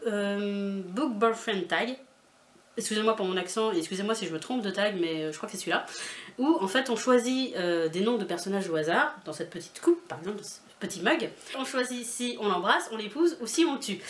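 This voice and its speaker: A woman's voice: mid-range voice, animated, moderate pace. Chatty young woman in an echoey room. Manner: chatty, giggly, swears casually. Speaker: booktuber host. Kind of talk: casual chat. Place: home room. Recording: echoey room, faint noise.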